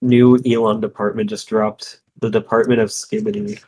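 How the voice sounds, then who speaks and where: A man's voice: lowish voice, level tone, moderate pace, a little mellow. A young man chatting with a friend over a game, answering in dry, teasing, profane quips. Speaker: friend on stream. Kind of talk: casual gaming chat.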